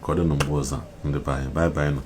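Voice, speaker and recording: Deep-voiced man, impassioned commentary. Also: little pitch movement, racing, darkish tone, a little hiss or hum. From Nigeria. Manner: mixes Igbo and English, repetitive, emphatic. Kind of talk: impassioned social media commentary.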